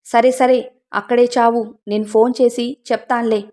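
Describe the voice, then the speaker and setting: A woman's voice: a little high, level tone, normal speed, mellow, lightly acted. Harsh middle-aged woman employer, curt and scolding, storybook read by a woman narrator.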